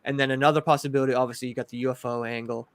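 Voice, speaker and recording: A man from Massachusetts, a podcast guest telling paranormal investigation stories in a rambling, animated, filler-heavy way. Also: mid-range voice, very fast. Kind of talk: casual storytelling.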